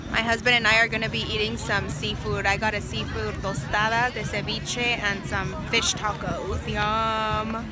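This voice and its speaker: A woman's voice: medium pitch, little pitch movement, moderate pace, hardly any pauses, rough recording. A woman in her thirties, filming herself on a phone at an outdoor flea market, chatting to viewers in a casual vlog and laughing often. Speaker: family vlogger. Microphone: phone held at arm's length. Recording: loud crowd and music outdoors.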